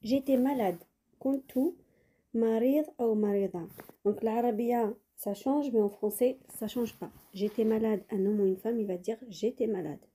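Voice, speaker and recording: A woman with a soft, breathy voice gives a French lesson. She speaks each model phrase slowly and repeats it, then moves quickly through her explanations. Her tone is dark and mellow and sits fairly high. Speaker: French teacher. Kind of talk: bilingual language lesson.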